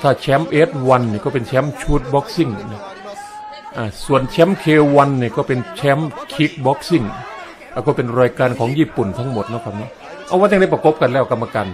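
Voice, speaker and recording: A man's voice: mid-range voice, lively intonation, quick pace. Joking Isan-accented man calling a fight. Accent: Northeastern Thai (Isan). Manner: joking, chatty, chuckles often. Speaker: fight commentator. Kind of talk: humorous play-by-play commentary. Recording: crowd noise from fight footage.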